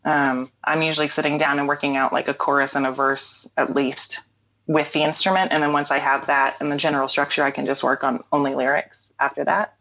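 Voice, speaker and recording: Speaking briskly and flatly in a deep, low voice, the singer-songwriter, in her late thirties, muses on her creative habits as an interview guest. Frequent "um"s and "like"s and easy laughter mark her thoughtful talk, and the slightly bright audio sounds dull and lo-fi, as on a remote call.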